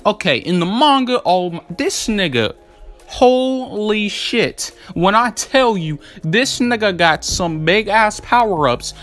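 Faint music plays behind a young man giving unscripted commentary on anime battle matchups as a video creator. He rambles in a slangy, profane, hyped, emphatic style, his high voice expressive, slow, and fairly bright.

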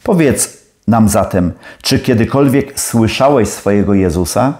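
A man's voice: fairly low pitch, animated, a little slow, a little mellow. A man playing a stern older professor who presses his questions in a challenging, probing way.

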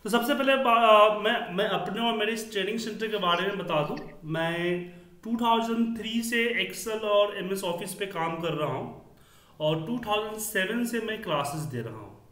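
A man's voice: high voice, measured pace, sharp tone. A man in his forties teaching a computer class over an online call, with a heavy echo on his voice. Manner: self-assured, explaining. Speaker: computer trainer. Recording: echoey room over a call.

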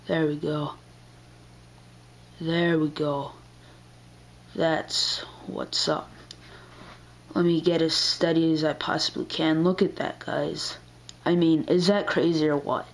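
A man's voice: fairly high pitch, level tone, slow pace, pauses often, a little hiss or hum. A man who is sick, with a strained throat, giving a casual video update about his aquarium. He rambles in a laid-back way, with lots of fillers and slang. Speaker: aquarium hobbyist vlogger.

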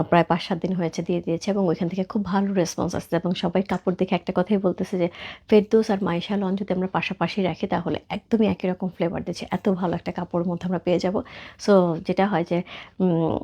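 A hoarse woman, hosting a live-stream clothing sale, chatty and greeting viewers by name. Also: fairly low pitch, mellow, muffled recording. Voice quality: husky. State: hoarse from a cold. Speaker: live sales host. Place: clothing outlet.

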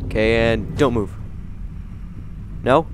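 A man hosting a gaming channel, giving jokey, excitable let's play commentary and talking to himself. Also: mid-range voice, slow pace, noisy background.

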